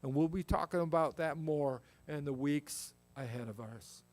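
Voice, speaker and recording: Folksy, higher-voiced man preaching. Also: normal speed, a little mellow. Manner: conversational and folksy, reads scripture then explains it. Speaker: pastor. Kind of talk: verse-by-verse Bible teaching.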